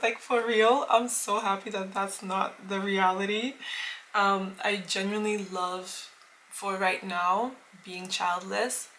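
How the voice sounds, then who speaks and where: A woman's voice: medium pitch, gravelly, pushed and bright, a little hiss or hum, poor audio. A woman in her late twenties talking casually to camera as a vlogger, chatty and rambling with many fillers and restarts. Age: late 20s. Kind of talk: casual vlog chat to camera.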